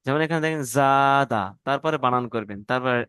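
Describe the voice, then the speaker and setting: Male teacher, smooth clear voice, dry close sound, drills letter-by-letter spelling. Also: medium pitch, a bit bright, dry recording. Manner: spells out letters slowly, syllable by syllable; addresses students politely as brothers. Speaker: Quran reading teacher. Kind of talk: online class instruction.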